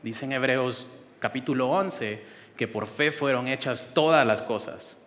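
A man's voice: medium pitch, measured pace, a bit bright. Man preaching in a reverberant hall. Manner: earnest preaching with spoken prayer and casual asides. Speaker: pastor. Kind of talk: sermon.

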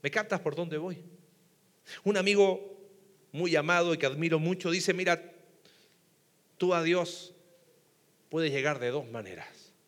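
A man's voice: on the high side, measured pace, long pauses, a bit bright. Guy preaching to a church crowd, chatty, keeps asking them stuff, big echoey hall. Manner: conversational, asks the audience questions. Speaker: pastor. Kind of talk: sermon. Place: church hall before a congregation. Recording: long hall reverb.

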